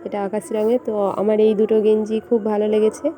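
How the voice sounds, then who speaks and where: A young woman vlogger chatting casually and speaking softly at home so her sleeping son stays asleep. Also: medium pitch, little pitch movement, fast talker. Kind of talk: casual vlog chat. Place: at home indoors. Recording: home recording with music playing nearby. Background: fair music playing nearby.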